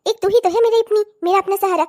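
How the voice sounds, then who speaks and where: Woman doing a cartoon stepmother, harsh and nagging, very high voice, rapid-fire scolding. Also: darkish tone. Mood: doting. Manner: shrill, nagging, cursing. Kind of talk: cartoon voice acting.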